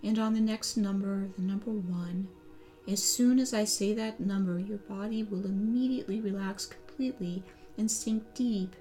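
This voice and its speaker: Soothing woman guiding deep relaxation. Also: faint music behind. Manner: slow, soothing, repetitive, with soft near-whispered phrases. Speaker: hypnotherapist. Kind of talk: guided hypnosis relaxation script.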